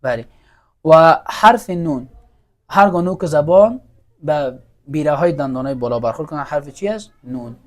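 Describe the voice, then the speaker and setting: A man's voice: a little high, expressive, pauses often. A man teaching Quran recitation, patiently drilling letter sounds for students to repeat and praising them. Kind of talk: classroom lesson, call-and-repeat drills.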